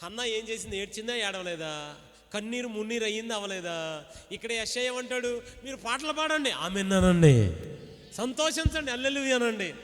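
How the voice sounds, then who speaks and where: A man preaching a sermon, repeatedly urging the congregation to shout, respond and read along. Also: high-pitched, sing-song, moderate pace. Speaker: pastor. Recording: echoey hall with faint music.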